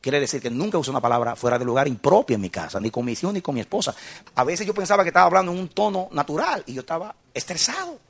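A man's voice: a little high, sing-song, very fast, gravelly, fairly bright tone, slightly rough. A middle-aged man preaching a sermon as a pastor, impassioned and building to emphatic peaks.

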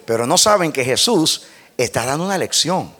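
A man with a fairly high voice preaches with fervent conviction. He restarts and repeats words as he builds his points and puts questions straight to the congregation. His delivery swings between hushed, low passages and near-shouted peaks. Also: expressive, normal speed. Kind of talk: sermon.

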